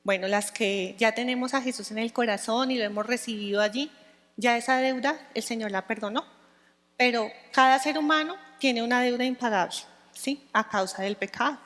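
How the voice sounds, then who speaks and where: A woman's voice: on the high side, normal speed, a bit bright, big-room sound. A woman teaching the Bible to a women's group, speaking conversationally and often checking in with her listeners.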